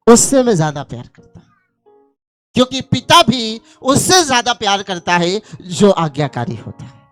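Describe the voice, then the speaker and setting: A man's voice: very high voice, a bit bright. A male pastor preaching a sermon and urging his congregation on with rhythmic, repeated calls.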